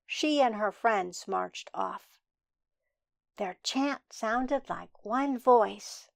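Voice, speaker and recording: A woman reads a children's picture book aloud in a slow, expressive storytelling manner. Her voice is a little high, and the recording is dry and close. She tells the story for a children's sermon. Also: creaky, no echo.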